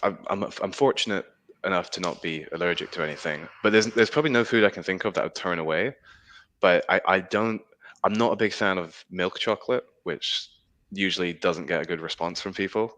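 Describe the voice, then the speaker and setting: A man's voice: low voice, a little fast, fairly bright tone. A young man from Singapore, a guest in a casual chat, thoughtful and a bit hesitant, often repeating words.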